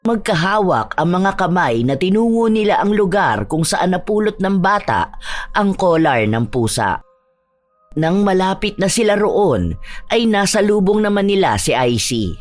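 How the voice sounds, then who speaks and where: A woman narrates a true horror story in a somber, measured voice at a middle pitch. Her delivery is scripted and steady. Faint music runs underneath.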